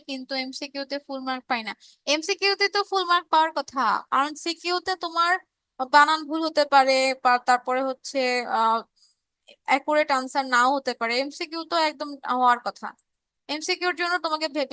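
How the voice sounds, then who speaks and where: High, bright-voiced woman teaching online. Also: dry recording. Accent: Bangladeshi Bengali. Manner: reads chat messages aloud and answers students; explanatory, with frequent fillers and restarts. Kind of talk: live online revision class.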